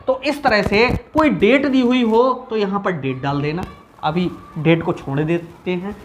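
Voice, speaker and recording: A male commerce teacher talks through a lesson in a lively, chatty way. He keeps asking his students questions and answering them himself. A faint hiss sits under his voice. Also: high-pitched. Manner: animated, asks and answers his own questions. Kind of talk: informal recorded lesson.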